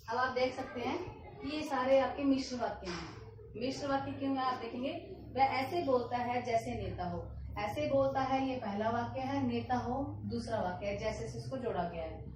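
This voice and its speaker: A woman's voice: a little high, normal speed, noisy background. A woman teaching a grammar lesson, explaining step by step, repeating examples and answering her own questions. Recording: echoey room, distant mic.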